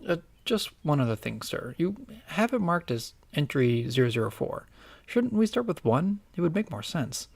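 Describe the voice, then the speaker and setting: A man's voice: fairly high pitch, sing-song, moderate pace, gravelly, dry recording, full character voice. A man playing a nervous, deferential young apprentice investigator in an audio drama, hesitant and apologetic.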